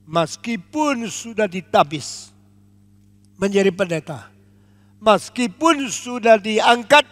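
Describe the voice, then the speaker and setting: An older man from Indonesia preaching a sermon as pastor, emphatic and deliberate, switching at times into English. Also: high voice, a bit bright. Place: large church auditorium. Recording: long echo of a large church hall.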